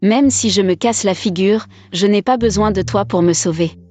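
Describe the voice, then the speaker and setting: A woman playing a feisty, sharp-tongued, independent young wife in a dubbed drama. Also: medium pitch, normal speed, lightly acted. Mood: annoyed. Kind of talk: dubbed short-drama acting.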